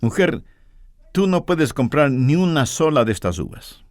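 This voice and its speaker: Guy doing a gentle king, soft and calm, lots of lilt in the voice, dry sound. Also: a little high, measured pace, dry recording. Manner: soft-spoken, reassuring. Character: kind gentle king, older man.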